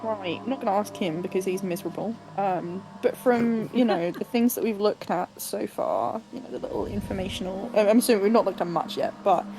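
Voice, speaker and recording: A woman chats casually as a player in a tabletop game. Her pitch is average, and she thinks aloud playfully with halting turns. Music plays clearly in the background. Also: low-quality recording. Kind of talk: casual chat, playing a game.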